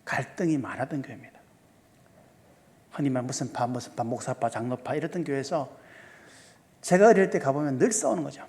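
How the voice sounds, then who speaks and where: A man's voice: medium pitch, brisk, pauses often, darkish tone. A male pastor giving a seminar sermon, asking the congregation questions and walking through sums step by step. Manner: asks the congregation many questions. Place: church sanctuary. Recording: long hall reverb.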